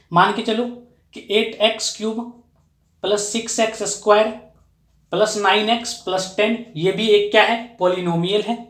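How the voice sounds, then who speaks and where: Woman maths teacher, somewhat high voice, patient explainer who quizzes and answers herself, roomy echoey sound. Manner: keeps asking and answering her own questions; repeats key phrases for emphasis. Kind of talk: explanatory classroom lesson.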